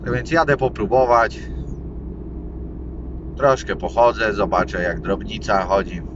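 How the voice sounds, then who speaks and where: A man's voice: steady tone, unhurried. A man in his thirties, a fishing vlogger chatting casually as he drives. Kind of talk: casual vlog chat while driving. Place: inside a moving car. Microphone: camera mounted on dashboard. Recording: muffled, loud car rumble and hum.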